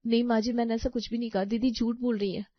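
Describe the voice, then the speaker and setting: A woman voicing a gentle, patient young daughter-in-law in a cartoon story, polite and pleading. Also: a little high, flat delivery, quick pace, dry recording, natural voice. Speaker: voice actor. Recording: dry, slightly dull audio.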